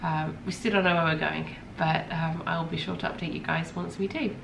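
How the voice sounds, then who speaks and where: A woman in her thirties with a low, steady, fairly bright voice and vocal fry talks briskly as a podcast host. Her casual chat rambles, with frequent ums and self-corrections, and a cold leaves her a little congested. Faint ambient noise sits in an echoey room.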